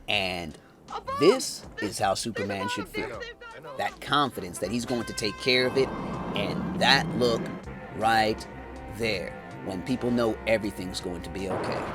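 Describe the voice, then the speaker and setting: A man's voice: on the low side, measured pace. A man narrating a comedic movie recap, full of sarcastic, jokey asides, over background music. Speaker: movie reviewer.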